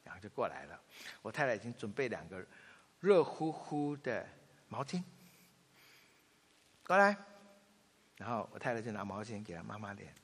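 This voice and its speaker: A man in his fifties giving a sermon, telling family anecdotes in an animated way and acting out the quotes. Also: lowish voice, normal speed, pauses often, husky. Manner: storytelling, animated, acts out quotes. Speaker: pastor. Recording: long reverb of a large hall.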